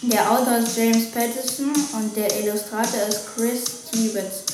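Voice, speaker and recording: A woman presenting a book and then reading a chapter aloud in a steady manner. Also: fairly high pitch, normal speed. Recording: echoey room from a distance, music behind.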